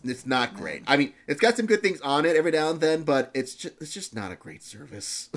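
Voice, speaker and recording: A man's voice: a little high, sing-song, a little fast, fairly bright tone. A man hosting a podcast, chatting casually and playfully and laughing often. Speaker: podcast host. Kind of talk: casual review chat.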